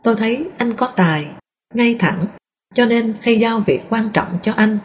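A woman reading a first-person memoir aloud in a calm, steady storytelling voice. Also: a little high, a little slow, slight background noise. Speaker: narrator.

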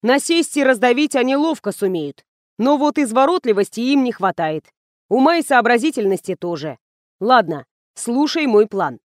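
Woman voicing a male publisher, calm, dry irony, audiobook, close dry sound. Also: on the high side, normal speed, no room sound, natural voice. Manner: calm, dryly ironic.

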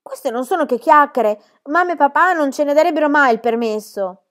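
A woman's voice: high-pitched, a little fast, fairly bright tone, pitched above the performer's own voice. A woman voicing an eager, anxious young boy who speaks in a pleading way in a storybook reading.

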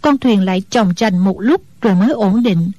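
A woman narrating a martial-arts novel in a steady storytelling voice. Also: medium pitch, moderate pace, no room sound.

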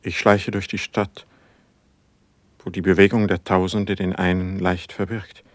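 In a classical verse radio drama, a male actor voices a brooding, suspicious, passionate poet using measured, declamatory diction. His low, husky voice stays flat, with a brooding, dreamy mood, and the recording has no echo.

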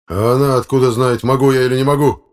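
A man's voice: mid-range voice, fairly even intonation, fast talker, voice pushed up, lightly acted. A man voicing an irate, indignant village council chairman who makes threats.

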